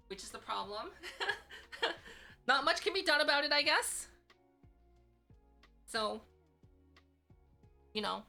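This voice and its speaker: A woman's voice: fairly high pitch, gravelly, sharp tone. A woman chatting casually as a virtual streamer on a live stream, with a cute, bubbly anime-streamer delivery. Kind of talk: casual livestream chat.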